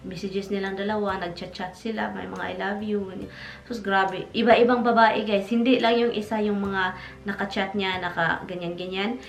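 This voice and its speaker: Filipina vlogger who keeps saying "guys". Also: female voice, medium pitch, flat delivery, moderate pace. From Philippines. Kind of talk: casual storytime monologue. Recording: echoey room with faint music.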